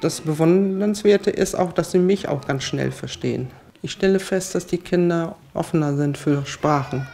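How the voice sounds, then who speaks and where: A woman's voice: low voice, moderate pace, vocal fry, mellow. A woman kindergarten educator speaking in a matter-of-fact way in a documentary interview.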